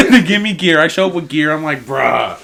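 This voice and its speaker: Animated young man telling slangy stories. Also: a little slow, vocal fry, crowd noise. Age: young adult. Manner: animated storyteller, acts out quotes with big jumps in pitch and loudness; slangy, swears freely. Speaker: podcast co-host, college football player. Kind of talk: casual podcast storytelling.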